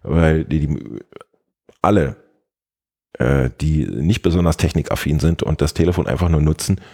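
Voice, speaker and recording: A man's voice: very deep voice, normal speed, creaky, warm tone. A man co-hosting a casual tech podcast, explaining step by step with many hesitations and fillers. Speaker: podcast co-host.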